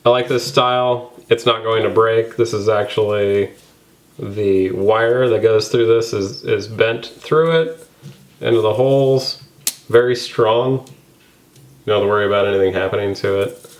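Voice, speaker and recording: A man's voice: fairly low pitch, a little slow, reverberant, a little hiss or hum, poor audio. A man co-hosting a casual kitchen tour, talking in an opinionated, playful way. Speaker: home cook and co-host.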